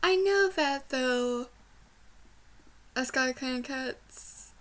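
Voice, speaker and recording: A woman's voice: sits high, very slow, fairly bright tone. A young woman chatting casually in a rambling review vlog, with trouble saying her R's, which come out like W's. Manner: trouble pronouncing R sounds, says w for r. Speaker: book reviewer. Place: small bedroom, indoors.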